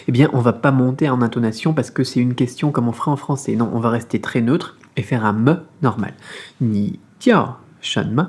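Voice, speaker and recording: A man's voice: mid-range voice, a little mellow, husky. A man giving a video lesson as a Mandarin teacher, explaining patiently and repeating syllables over and over to drill the tones.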